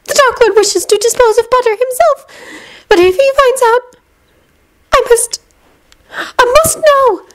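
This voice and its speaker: A woman's voice: a little slow, long pauses. A woman voicing a cruel, unhinged witch who shrieks her commands. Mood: frantic. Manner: shrill, frantic, commanding.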